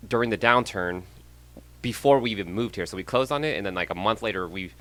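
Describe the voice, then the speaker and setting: A real estate agent in his thirties from San Jose, California, talks casually as a podcast guest in a lowish, fairly bright voice. He's friendly and measured, with frequent ums and small laughs.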